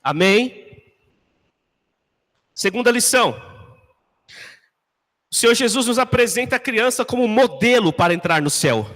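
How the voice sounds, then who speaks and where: A man's voice: extremely high pitch, lively intonation, unhurried, pauses often, fairly bright tone, big-room sound. A man in his thirties, a pastor preaching a conversational sermon full of rhetorical questions. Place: church.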